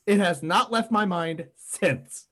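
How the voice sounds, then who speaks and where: A man hosting a casual podcast who tells things in an animated, amused way. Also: high voice, slow pace, husky. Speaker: podcast host. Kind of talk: casual chat.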